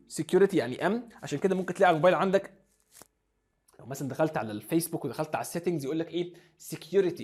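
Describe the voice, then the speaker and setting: A man's voice: a little high, darkish tone, breathy edge. A young man with an Egyptian Arabic accent teaching English vocabulary, mixing Arabic and English and drilling pronunciation. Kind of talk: classroom lesson explanation.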